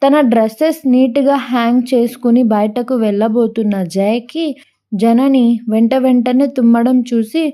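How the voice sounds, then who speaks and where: Woman storyteller, higher-pitched and warm, reads a story and voices its characters. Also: steady tone, moderate pace. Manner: voices characters' quoted lines. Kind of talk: reading a story aloud.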